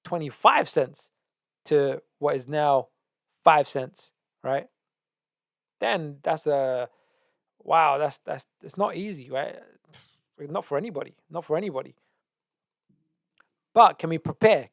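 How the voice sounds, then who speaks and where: A man's voice: a little high, measured pace, vocal fry, no echo, clean studio sound. A man teaching trading, walking through a chart analysis with emphatic repetition and frequent "right?" checks. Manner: emphatic, repeats key words, asks "right?". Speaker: trading educator. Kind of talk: screen-share market analysis.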